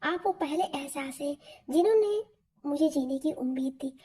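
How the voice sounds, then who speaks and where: A woman voicing a tearful young woman in a storybook reading, pleading and emotional, in a high, mellow voice. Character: tearful young woman begging her love to stay.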